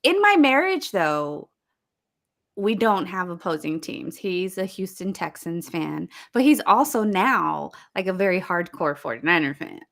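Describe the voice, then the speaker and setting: A woman co-hosting a casual live podcast, lively and laughing often, reading viewer comments aloud. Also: lowish voice, a little slow, vocal fry. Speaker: podcast co-host.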